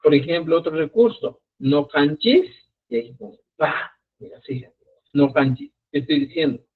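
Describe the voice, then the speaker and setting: A man teaching a live online Quechua lesson, repeating examples slowly and checking in with his students. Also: on the high side, animated, husky. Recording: tinny phone-like live stream audio.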